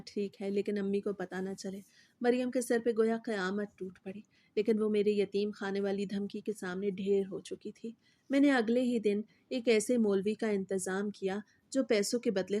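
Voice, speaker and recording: A woman storyteller giving steady, scripted narration of a moral story. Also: mid-range voice.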